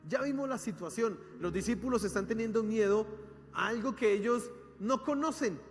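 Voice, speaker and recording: A Colombian man preaching a sermon as pastor, with lively, dramatic delivery and questions thrown to the congregation. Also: high voice, normal speed. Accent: Colombian Spanish. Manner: animated preaching, acting out cries and questions to the congregation. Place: church hall. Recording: long hall reverb with soft instrumental music. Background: soft instrumental music.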